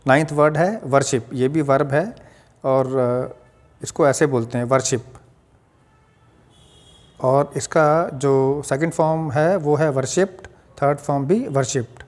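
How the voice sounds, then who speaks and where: A man's voice: on the high side, unhurried, pauses often, darkish tone. A man with an Indian accent giving a patient English pronunciation lesson, spelling out each word letter by letter and explaining its meaning. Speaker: English teacher. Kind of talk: Hindi-language pronunciation lesson.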